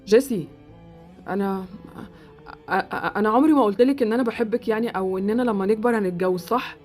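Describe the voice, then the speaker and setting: A woman's voice: medium pitch, brisk, darkish tone, soft background music, close to an everyday voice. A woman with an Egyptian accent voicing Sultan, a blunt, awkward boy in a Roblox roleplay series. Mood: brusque.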